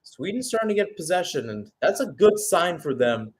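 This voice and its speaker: A man calls a football match live in radio-style play-by-play, his fairly high voice climbing with excitement on chances and calming between plays. He speaks at a normal speed.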